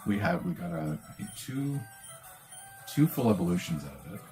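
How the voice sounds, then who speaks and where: Deep-voiced man chatting over a game. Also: very animated, moderate pace, darkish tone. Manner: wry, playful, reads game lines aloud. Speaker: co-host playing a video game. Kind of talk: casual gameplay chat. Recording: faint game music behind.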